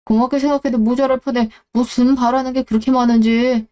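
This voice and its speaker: A woman's voice: fairly high pitch, steady tone, brisk, dark tone, lightly acted. A woman voicing a callous, selfish middle-aged husband who talks scornfully and dismissively. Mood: contemptuous. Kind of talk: Korean audio drama reading.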